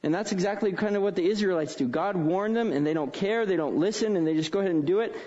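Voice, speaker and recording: Male pastor, light high voice, casual storytelling sermon delivery, muffled lo-fi recording. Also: quick pace, darkish tone. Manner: casual, frequent tag questions.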